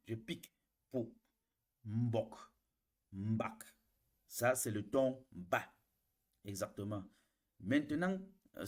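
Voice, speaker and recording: A man teaching a language lesson, explaining slowly, repeating each point and demonstrating tones aloud. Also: medium pitch. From Cameroon. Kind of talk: classroom lesson.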